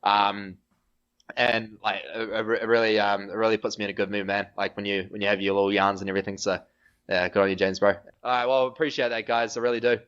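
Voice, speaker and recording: A man's voice: fairly low pitch, level tone, fast talker, fairly bright tone, smooth, dull audio. A man with a New Zealand accent, a podcast guest chatting casually in a laid-back, slangy way. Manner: laid-back slangy talk, says bro and eh. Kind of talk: casual chat.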